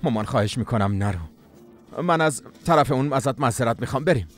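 A man's voice: medium pitch, animated, close to an everyday voice. An actor dubbing a young husband caught between his wife and his mother, scolding and pleading in turns. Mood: tense. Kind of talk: Persian dubbing of a drama series.

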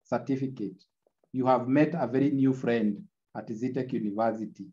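A man gives an online lecture, captured in a screen recording of the video call. His voice is dark and mellow, and the audio is muffled and lo-fi. He repeats key lines and keeps checking in with the class. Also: mid-range voice, fairly even intonation, normal speed. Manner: repetitive, checks in with tag "eh?".

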